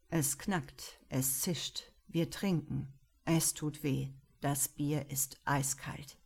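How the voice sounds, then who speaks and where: A woman narrating a first-person literary story in a calm, measured way as an audiobook reader. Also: lowish voice. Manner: calm, measured, unhurried delivery.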